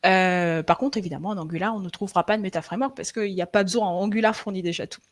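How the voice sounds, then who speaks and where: A woman's voice: medium pitch, fast talker. Woman presenting a live tech talk. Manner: hesitant, many fillers and restarts, checks in with viewers. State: slightly sore throat. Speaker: frontend developer presenting a live webinar.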